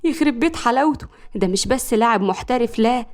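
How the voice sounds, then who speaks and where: A giddy young woman with an Egyptian accent, put on by a woman narrator. She gushes and boasts in a high, fast voice. A gossiping storybook fan. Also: expressive, close to an everyday voice.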